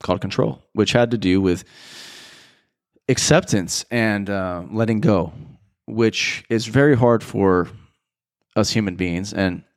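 Deep-voiced guy rambling thoughtfully on his podcast, lots of restarts, dry close sound. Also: no room sound. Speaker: podcast host. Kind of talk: casual reflective monologue.

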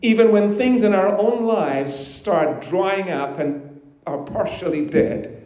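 A man delivers a slow, measured sermon built around dramatic pauses. His voice is fairly high for a man but warm and mellow, ringing through a very echoey hall.

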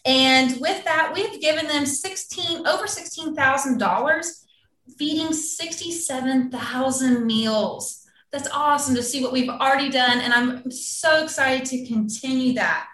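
A woman's voice: high-pitched, unhurried, fairly bright tone. A woman co-hosting, speaking enthusiastically in a promotional tone. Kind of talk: scripted promotional talk. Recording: echoey room.

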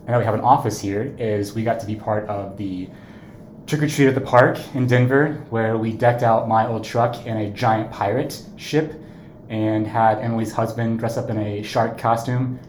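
A young man from Ohio hosting a casual podcast chat, easygoing and quick to laugh. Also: on the low side, steady tone. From Ohio, USA. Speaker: podcast co-host, marketing agency owner. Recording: roomy, faint background noise.

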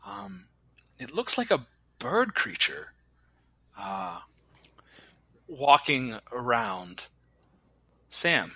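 Man, game master, tabletop game, slow and halting, many fillers. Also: mid-range voice, big pitch swings, creaky, bright, forceful tone, husky, no echo.

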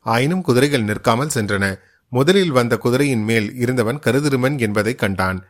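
A male storyteller reads a long historical novel aloud, measured and steady. His voice sits at an ordinary middle pitch, and the delivery is clear scripted narration for an audiobook podcast.

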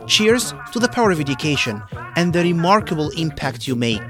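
A man's voice: a little high, sing-song, a little fast. Upbeat male podcast host over music. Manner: upbeat and read from a script. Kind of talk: scripted podcast narration.

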